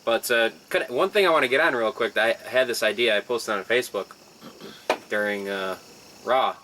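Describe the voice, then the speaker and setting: A man's voice: medium pitch, moderate pace, bright, forceful tone, slight background noise, low-quality recording. A man co-hosting a casual wrestling chat, blunt and sarcastic, with plenty of swearing. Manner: blunt, profane, sarcastic rants. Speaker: podcast co-host.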